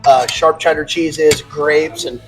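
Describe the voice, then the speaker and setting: A man's voice: fairly high pitch, fairly even intonation, takes it slowly, music in the background. A man who owns a barbecue restaurant, chatting casually and laughing often while eating. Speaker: restaurant owner.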